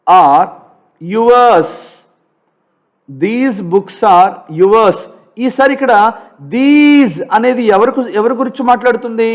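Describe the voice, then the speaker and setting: A man with a Telugu accent teaching English grammar for an exam, asking questions and answering them himself, and reading example sentences slowly. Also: high voice. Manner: asks and answers his own questions, slow drilled examples. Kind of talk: exam-prep grammar lesson.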